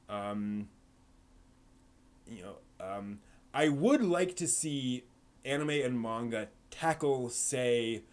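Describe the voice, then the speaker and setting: On a live stream, a man answers his chat casually and rambles, restarting often and using lots of fillers as he thinks out loud. His pitch is right in the middle range for a man.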